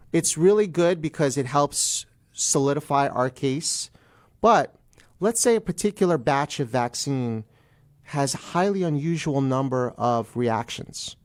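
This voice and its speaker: Appearing as a guest attorney on a talk show, a man speaks conversationally at a medium pitch. He explains things emphatically and keeps repeating key phrases.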